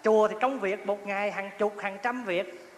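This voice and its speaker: A male Buddhist monk speaks at normal speed in a high-pitched voice with fairly even intonation, giving a light, story-filled dharma talk where he often laughs and asks listeners questions. Slight background noise and faint ambience accompany the long reverb of a roomy hall.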